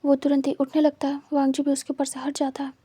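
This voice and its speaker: A woman tells a fan fiction story in a high, mellow voice, moving through the scenes at a steady, even clip. Her pitch stays narrow and level, and she slips English words into her narration. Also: quick pace, no echo. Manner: plain, steady retelling mixed with English words.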